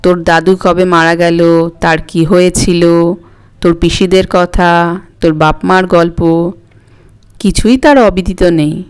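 Pitching below her own natural voice, a woman reads an elderly grandmother character for a dramatic audiobook, slow, steady, clear and resonant on the low side. The grandmother comes across as coy and wistful, reminiscing, with mildly snappish, affectionate scolding. There's music under the voice.

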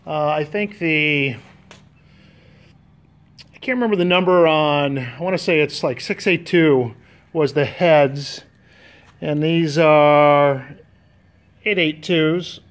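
An American DIY boat restorer and vlogger walks through his work casually and without a script, hesitating as he thinks aloud. He's in a garage with a concrete floor, recorded by a handheld camera with the operator behind it. His voice is on the high side, clear and resonant.

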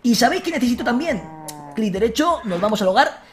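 Excitable Spanish-accented man, animated gaming commentary. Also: extremely high pitch, fast. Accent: Spain Spanish. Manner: excitable, shouts at enemies and jokes to viewers. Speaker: gaming video host. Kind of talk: let's-play commentary.

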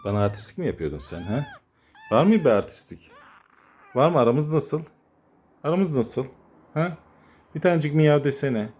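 A man filming his kittens on a phone at home, coaxing and teasing them and slipping into a high, playful baby-talk voice. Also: very animated, normal speed, long pauses, darkish tone. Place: home with cats.

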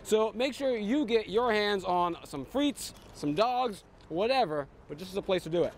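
A young man hosting a pregame baseball show, delivering scripted segments with energetic, promotional punch from around the ballpark. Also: sits high, moderate pace, slight background noise. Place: ballpark concourse and museum.

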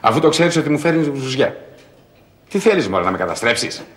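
A man's voice: medium pitch, big pitch swings, fairly bright tone. An actor playing a sulky, superstitious star singer who grumbles at his manager, in 1980s comedy style. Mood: grumpy. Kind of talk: 1980s film comedy acting. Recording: roomy old film track.

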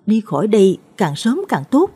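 An anxious young mother pleads with an exorcist in a spooky audio tale, voiced by a woman storyteller. Her voice is mellow and breathy, rising and falling with worry. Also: medium pitch, sing-song, moderate pace, pitched above the performer's own voice. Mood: worried. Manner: worried, pleading.

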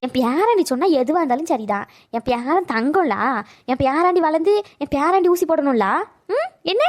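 A woman voicing a frail elderly grandmother who talks in a soft, tired and coaxing way in a cartoon. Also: high voice, big pitch swings, normal speed. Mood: doting. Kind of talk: cartoon voice acting.

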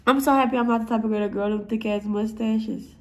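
A young woman vlogs a casual makeup tutorial from home, her voice stuffy and nasal, a little high and darkish in tone. She speaks fast with fairly even intonation, chatting in a rambling, blunt and profane way.

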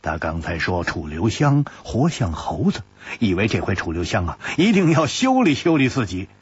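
A male storyteller narrating a traditional Chinese martial-arts tale in an animated way with wry asides. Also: lowish voice, moderate pace, breathy edge, dry recording. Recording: dull lo-fi audiobook recording.

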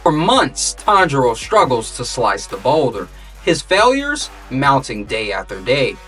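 A man's voice: medium pitch, huge pitch swings, unhurried, a bit bright, slightly rough, distant mic, rough recording. A man narrating an anime recap from a script in a dramatic, ominous manner, like a movie trailer voiceover. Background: music.

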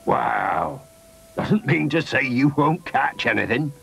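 A man's voice: medium pitch, sing-song, slow pace, creaky, fairly bright tone, exaggerated voice. A man voicing a cheerful, kindly old sailor in a children's radio story. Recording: faint music behind.

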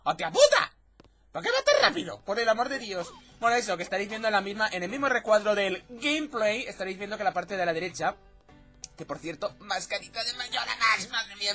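A man's voice: high voice, pushed and bright. A man hosting a let's play, rowdy and joking, swearing and laughing at his own gags.

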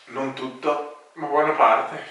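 A man's voice: mid-range voice, fairly even intonation, slow pace, background noise. A man in his twenties joking casually and often breaking into laughter. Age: 20s. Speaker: contestant in a joke challenge. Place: home kitchen-dining room, indoors. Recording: echoey room, slightly distant, music behind.

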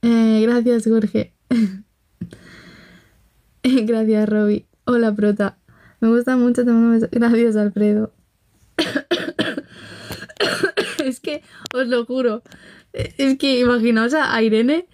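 On a casual phone livestream, a young woman from Spain with a Barcelona accent greets viewers, reads comments, laughs often, and tells gossipy stories. Her voice is on the high side with a darkish tone and fairly even intonation, and she speaks slowly with long pauses.

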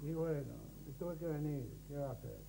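Argentine guy, middle-aged, high voice, rambling cheeky stories, loud vhs tape hiss. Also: moderate pace, gravelly. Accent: Argentine Spanish. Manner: rambling boastful storytelling with mock innocence. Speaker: comedian playing a gaucho cook. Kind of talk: sketch comedy banter. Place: studio kitchen set, indoors. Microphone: lapel mic. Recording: noisy old VHS tape.

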